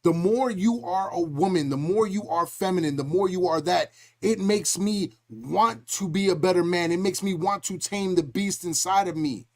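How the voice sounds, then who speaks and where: Middle-aged guy on a podcast, kinda high voice, animated storytelling, acts out the voices. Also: moderate pace, hardly any pauses. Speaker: podcast host. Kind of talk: casual podcast talk.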